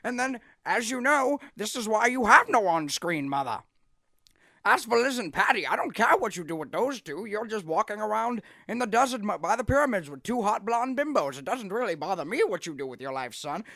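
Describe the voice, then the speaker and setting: A man's voice: high-pitched, sing-song, fairly quick, creaky, sharp tone, dry recording, studio quality, pitched above the performer's own voice, exaggerated voice. A man voicing Lord Death, a cheerful, goofy, nonchalant cartoon father with a chirpy, folksy, breezily blunt manner. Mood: breezy, chatty. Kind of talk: comedic cartoon character voice.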